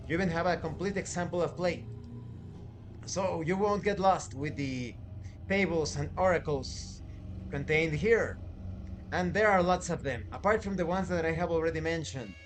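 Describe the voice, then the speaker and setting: Speaking to viewers as a channel host, a man delivers review commentary deliberately and emphatically, in short, separated phrases. His voice sits a little high, and there's slight background noise.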